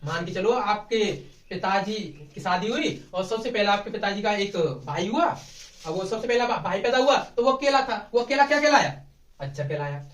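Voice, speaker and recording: A man's voice: very high-pitched, a bit bright. A male teacher explaining grammar to a class, asking questions aloud and answering them himself. He speaks English terms with a Hindi accent. The sound comes from a distance in an echoey classroom.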